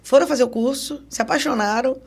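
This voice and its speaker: Woman, 40s, from Brazil, interview guest, gravelly, fairly high voice, animated storyteller. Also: brisk. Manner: animated, acts out remembered dialogue. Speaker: podcast guest, psychoanalysis educator.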